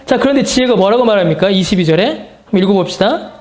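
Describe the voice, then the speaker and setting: A man's voice: high-pitched, expressive, quick pace, darkish tone. A male pastor teaching a Bible study. He asks the class questions, answers them himself, and repeats key phrases for emphasis. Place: church meeting room. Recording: echoey church room.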